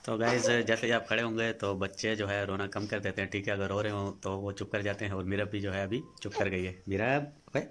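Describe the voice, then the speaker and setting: A man's voice: lowish voice, little pitch movement, brisk, hardly any pauses, a bit bright. A man talking casually to his viewers in a home vlog, chatty and repetitive, leaning on the same fillers and saying things twice in different words. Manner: chatty, keeps saying "guys" and "okay" as fillers; repeats himself, restating words in two ways. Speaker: vlogger.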